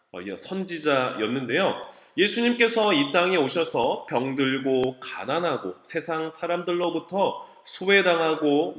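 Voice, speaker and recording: Male preacher for a kids' service, lively pitch, storytelling delivery, roomy church reverb. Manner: storytelling, slow and emphatic with rising exclamations. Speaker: children's ministry preacher. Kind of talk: children's sermon. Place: church sanctuary. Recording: echoey church hall.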